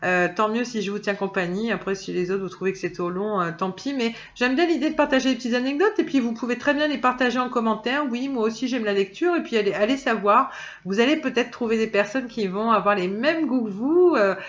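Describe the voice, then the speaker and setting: A woman's voice: a little high, brisk, lo-fi sound. A woman reading oracle cards in a casual, chatty way, full of hesitations and restarts. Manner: chatty, many fillers and restarts. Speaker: tarot card reader. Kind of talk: casual spoken guidance video.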